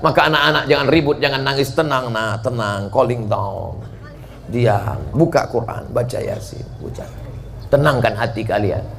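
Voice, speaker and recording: Male preacher in a mosque, gets loud and shouty then chants slow arabic, cracks jokes. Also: mid-range voice, creaky, slight background noise. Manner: animated, jumps to shouting, playful jokes, drawn-out chanted Arabic. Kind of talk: mosque sermon for a dawn study session.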